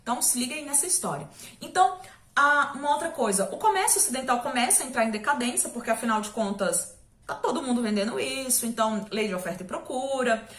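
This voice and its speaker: A Brazilian woman gives a recorded history lesson, her fairly high voice chatty and full of quick check-ins with her students. She jokes lightly as she explains. The room around her rings with echo. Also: lively intonation, a bit bright. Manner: chatty and conversational, addressing students directly with frequent "tá?" and jokes. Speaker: history teacher. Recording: echoey room.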